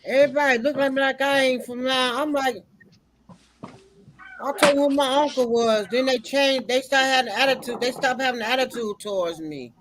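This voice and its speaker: A woman's voice: sits high, a little fast, noisy background. A woman with a Southern drawl, chatting casually and teasing with folksy warnings. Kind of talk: casual group chat.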